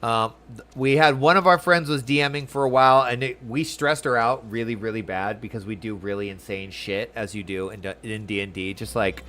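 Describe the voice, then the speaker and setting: Video game music runs under this clip of a man streaming a game and chatting with slangy enthusiasm. His voice is lowish and sharp, and he talks a little fast in a loose, casual way.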